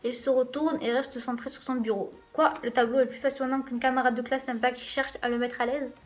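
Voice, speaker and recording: A woman's voice: sits high, little pitch movement, a little fast. A woman hosting a let's play, reading a visual novel's first-person narration aloud in a casual way with wry asides.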